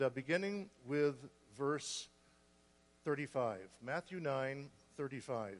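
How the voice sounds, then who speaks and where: A man preaching a sermon, earnest and a bit short of breath, restarting phrases and clearing his throat. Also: on the high side, big-room sound. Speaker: guest preacher.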